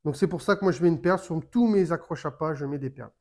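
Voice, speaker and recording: A man giving a casual how-to explanation of a fishing rig, talking while he works with his hands and pausing often with fillers and restarts. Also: on the high side, darkish tone. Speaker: fishing tutorial maker.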